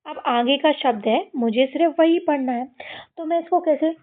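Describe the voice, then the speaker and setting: Woman, phonics teacher for kids, high voice, tinny phone-like sound, repeats and quizzes. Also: moderate pace. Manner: repeats each sound and asks the children questions. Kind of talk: slow explanatory lesson to children.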